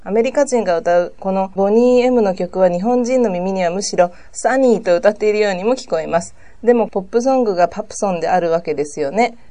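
A woman co-host reading a listener's letter aloud in a calm, even way. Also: medium pitch, fast, hardly any pauses.

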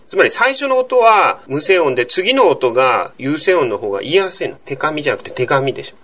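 A man hosting a language-learning podcast, talking through sound rules at a relaxed, explanatory pace. His pitch swings widely as he stresses points, and he keeps checking in with his listener through rhetorical questions. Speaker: podcast host teaching Korean.

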